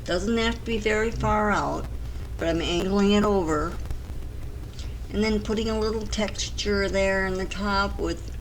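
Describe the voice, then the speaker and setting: A gentle painting instructor with a voice that could be a man's or a woman's. The delivery is slow and unhurried, explaining each step while working. Faint noise sits behind the voice. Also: mid-range voice, low-quality recording.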